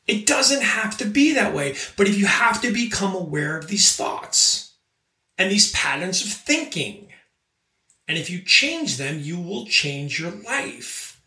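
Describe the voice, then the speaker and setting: A man in his late forties hosting a podcast, giving an energetic motivational monologue and repeating key phrases for emphasis. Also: high-pitched, a little slow, distant mic. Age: 40s. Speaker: podcast host. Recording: echoey room, voice off-mic.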